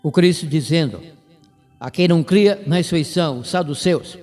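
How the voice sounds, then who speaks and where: A man's voice: on the high side, moderate pace, a little mellow, in a large hall, faint music behind. A man with a Brazilian Portuguese accent giving a radio Bible lesson, explaining step by step and putting rhetorical questions to his listeners.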